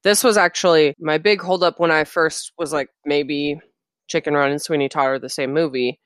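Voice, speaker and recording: Low-voiced young woman talking films. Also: steady tone, normal speed, no echo. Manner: chatty, analytical, swears casually. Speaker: podcast co-host. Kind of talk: casual film discussion.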